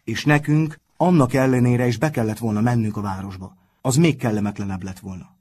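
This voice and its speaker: A man's voice: medium pitch, a little mellow, breathy edge, lightly acted. A man reading aloud and voicing an earnest, bold teenage schoolboy who takes the lead. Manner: earnest, eager.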